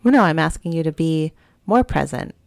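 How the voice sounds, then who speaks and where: A woman's voice: low-pitched, expressive, a little fast, vocal fry. A woman co-hosting a casual home podcast with her partner, teasing him and summing up like a counselor. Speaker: podcast co-host, therapist. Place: home room with sleeping dogs.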